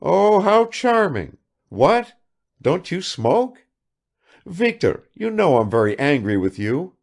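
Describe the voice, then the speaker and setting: Voicing a chattering, affected woman from the provinces, a man reads with a gravelly, slightly high tone raised above his natural voice and plenty of exaggeration. He's very animated, gushing out rapid questions and never pausing for replies.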